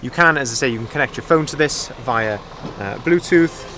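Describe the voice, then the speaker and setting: A man who manages van sales, giving a walk-around tour of a van outdoors at a dealership while filming it by hand. He talks in a relaxed sales patter with plenty of fillers. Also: mid-range voice, normal speed, a little hiss or hum. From Wales. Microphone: camera held by the speaker, filming by hand.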